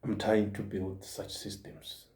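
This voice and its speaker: A man's voice: fairly low pitch, completely flat delivery, slow pace, darkish tone. A man in his forties gives a motivational monologue as a podcast host, earnest and repeating his points for emphasis. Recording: roomy echo.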